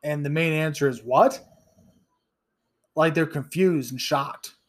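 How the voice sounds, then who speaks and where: A man in his thirties hosts a solo podcast in a blunt, profane rant. His voice sits slightly high for a man, and he often restarts his sentences as he pushes his points. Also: takes it slowly. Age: 30s. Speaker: podcast host. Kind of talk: ranting solo podcast commentary.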